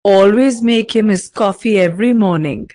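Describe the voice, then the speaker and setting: A woman voicing a tender, gravely ill young father. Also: mid-range voice, moderate pace, no room sound, close to an everyday voice. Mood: tearful. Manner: soft, shaky, tearful delivery.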